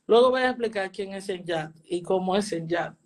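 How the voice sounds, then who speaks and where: A woman shares a personal spiritual testimony in the role of a teacher. Her voice sits at a middle pitch, and she leans on repeated phrases with earnest emphasis. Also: moderate pace, darkish tone.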